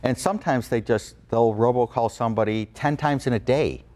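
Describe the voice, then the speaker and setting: A man's voice: medium pitch, moderate pace, a little mellow. A man speaking as an attorney guest in an interview, explaining things informally in plain words, repeating for emphasis.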